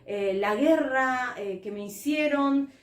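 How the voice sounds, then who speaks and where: A woman's voice: high voice, slow pace, reverberant. A woman pastor with an Argentine Spanish accent, telling a personal testimony in a sermon, heartfelt, with many fillers and restarts.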